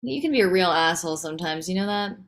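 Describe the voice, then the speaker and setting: In a comedy table read, a woman plays a no-nonsense wife and mother. Her lowish voice comes fast, with a casual, deadpan, blunt delivery.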